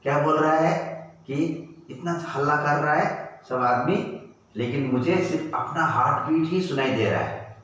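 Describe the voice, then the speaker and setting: A man's voice: a little high, moderate pace, fairly bright tone, a little hiss or hum. A man teaching a primary school English class, breaking words into sounds and drawing out English phrases for pupils to repeat. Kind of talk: classroom lesson in Hindi and English. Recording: echoey room, voice from far off.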